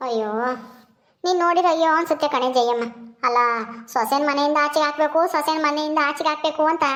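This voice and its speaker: A woman's voice: sits high, steady tone, fast, a bit bright. A woman voicing a meddling old village grandmother who nags and needles. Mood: needling. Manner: nagging, needling.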